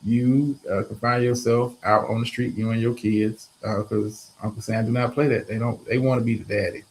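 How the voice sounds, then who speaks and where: A man's voice: mid-range voice, steady tone, normal speed, darkish tone, poor audio. A man co-hosting a casual live stream from home, giving blunt, profane commentary to his viewers. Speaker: stream co-host.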